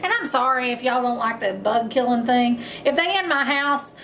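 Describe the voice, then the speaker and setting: A woman vlogger chatting casually at home, telling an animated, playful story. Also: fairly high pitch, normal speed, slight background noise. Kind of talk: casual chat. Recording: echoey room.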